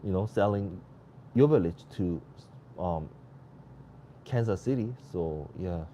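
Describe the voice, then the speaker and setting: A man gives casual live commentary on a soccer match from a room at home. His voice is mellow and a little worn, and he yawns through long rambling asides. A quiet air-conditioner hum runs under everything he says. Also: low voice, slow. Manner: chatty, rambling, bursts of excitement at chances. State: tired, yawning. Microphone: home mic without noise canceling.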